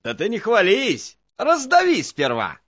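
A man's voice: sits high, huge pitch swings, fairly bright tone, dull audio, pitched above the performer's own voice, heavily acted. A man voicing a cunning, cocky young soldier in a folk tale, speaking in a sly, teasing way. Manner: sly, teasing, quick-witted.

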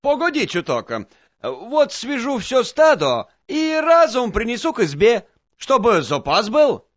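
A man's voice: very high voice, very animated, highs cut off, voice pushed up, exaggerated voice. A man voicing a cunning, cocky young soldier in a folk tale, speaking in a sly, teasing way. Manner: sly, teasing, quick-witted.

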